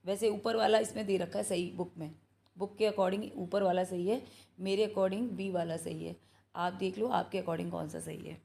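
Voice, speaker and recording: A woman tutoring for an English exam, reading out questions slowly and explaining each answer in a mix of Hindi and English, often checking in with "thik hai". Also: on the low side, vocal fry. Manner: slow, steady explaining, mixing Hindi and English, reads questions aloud. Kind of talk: exam practice lesson.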